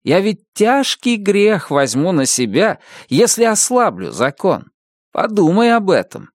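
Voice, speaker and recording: A man voicing a cruel male officer who puts on a soft, sanctimonious tone. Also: sits high, big pitch swings, unhurried, dry recording, clean studio sound, voice pushed up, heavily acted. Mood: mock-gentle. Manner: mock-gentle, sanctimonious. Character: sly, cruel male officer feigning kindness.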